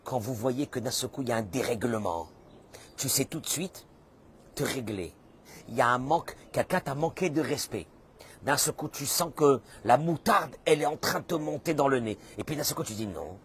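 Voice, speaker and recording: A man, a rabbi, giving a sermon, swinging between hushed asides and loud outbursts. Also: mid-range voice, expressive, normal speed, a little hiss or hum.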